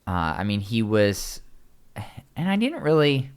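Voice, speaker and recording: Casual male podcast host, animated swinging pitch, rambling delivery. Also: clear, resonant tone. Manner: rambling, quick asides and many restarts.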